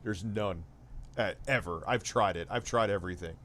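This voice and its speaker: A man's voice: lowish voice, normal speed, slight background noise. A man in his forties hosting a casual livestream chat, reading viewer messages and ranting with lots of swearing. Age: 40s. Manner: swears a lot, animated rants.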